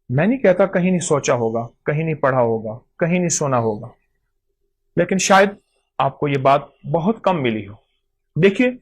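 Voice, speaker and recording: Animated man teaching remedies. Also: on the high side. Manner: emphatic, repeats phrases for stress. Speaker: host. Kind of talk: didactic talk on folk remedies.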